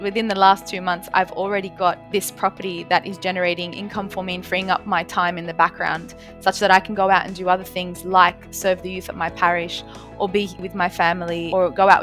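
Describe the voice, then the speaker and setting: A woman's voice: mid-range voice, a bit bright. A woman, telling her story as a podcast guest, earnest and fluent with many "you know" fillers. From Australia (born in Lebanon). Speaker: guest, lawyer and Airbnb host.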